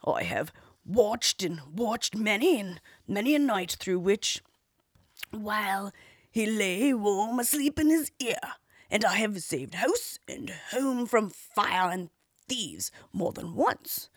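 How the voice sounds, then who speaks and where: A woman's voice: animated, slow pace, no room sound, studio quality. A woman voicing a mournful old hound. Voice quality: whispery, higher-pitched. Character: old worn-out male hound, loyal and mournful.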